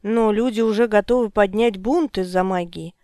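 A woman's voice: medium pitch, normal speed, warm tone, no room sound, studio quality, natural voice. A woman reading the lines of an irritable older male wizard in an audiobook, with an indignant, questioning manner. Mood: grumbling.

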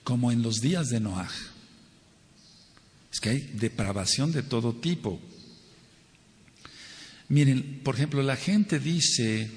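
A man's voice: mid-range voice, expressive, slow, long pauses, darkish tone. Emphatic man preaching in a reverberant hall. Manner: rhetorical, emphatic, repeats phrases for stress; acts out quoted people with a raised voice. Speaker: Messianic Torah teacher. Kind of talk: Torah teaching sermon.

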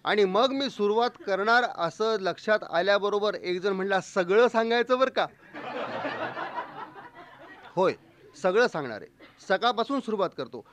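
A man spins a comic first-person tale, his voice sitting high. He tells it playfully and slips in quick voices for the people he quotes. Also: lively intonation, fairly bright tone, slight background noise. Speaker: storyteller. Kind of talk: humorous first-person storytelling.

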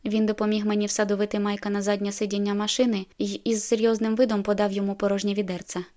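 A woman narrating a novel in the first person, in a measured, intimate storytelling manner. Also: medium pitch, monotone, darkish tone. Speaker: audiobook narrator.

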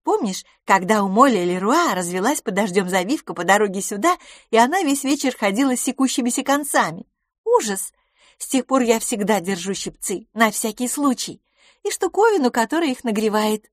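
A woman's voice: lively intonation, fairly quick, dry recording, studio quality. A woman reading as a giddy, gushing young woman. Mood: proud, excited. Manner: breathless, exclaiming, high and bright.

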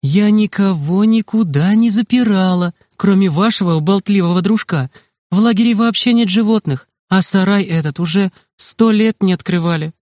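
A stern, scolding camp nurse, high and bright in a storybook reading, as a man puts her on. She snaps out her orders in sharp exclamations, then turns coaxing and cheerfully amused. The voice sits dry and close. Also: brisk, few pauses, no echo, natural voice. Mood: puzzled, coaxing.

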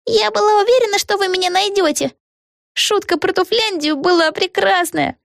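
A woman voicing a girl trapped in a doll, speaking slowly in a tiny squeaky voice. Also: gravelly, fairly bright tone, dry recording, clean studio sound, full character voice. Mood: chatty. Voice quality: squeaky, slow. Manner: slow sing-song speech. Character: little girl turned into a doll.

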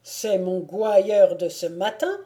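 Brief: scornful baron-huntsman, loud, commanding, slow and mellow, read by a woman. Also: mid-range voice, natural voice. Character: domineering noble man, a mocking baron-huntsman. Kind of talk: audiobook reading.

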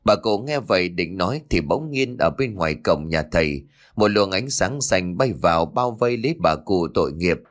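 A man narrates a ghost story in a steady, storytelling manner. His voice sits on the low side, and quiet music plays faintly behind him. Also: moderate pace.

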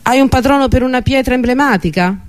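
A man reading an audiobook, voicing a heavy-set, fussy middle-aged mother who speaks with a raspy, exclaiming voice. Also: very high-pitched, fast, pitched above the performer's own voice. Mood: fussing.

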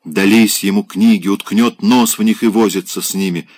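A man's voice: lowish voice, fairly even intonation, normal speed, a little mellow, dry recording, studio quality, lightly acted. A man voicing a passionate, restless married woman in an audiobook, pleading and melodramatic. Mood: bitter complaint.

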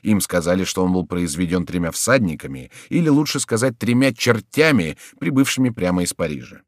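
Lively male audiobook narrator, dry sound. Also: low-pitched, a little fast, no echo. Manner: voices the characters in raised, shouting tones. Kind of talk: audiobook reading with acted dialogue.

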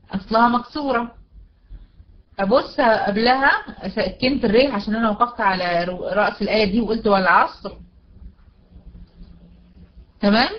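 A woman teacher with an Egyptian Arabic accent explains recitation rules step by step, recites example words slowly and often checks that her students follow. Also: a little high, slight background noise. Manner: often checks understanding with "tamam?". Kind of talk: recorded tajweed lesson. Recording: dull, lo-fi recording.

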